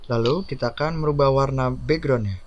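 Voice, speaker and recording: Man calmly narrating a software tutorial. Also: mid-range voice, fairly quick, muffled recording. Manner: steady step-by-step instructions. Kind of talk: screen-recorded software tutorial voice-over.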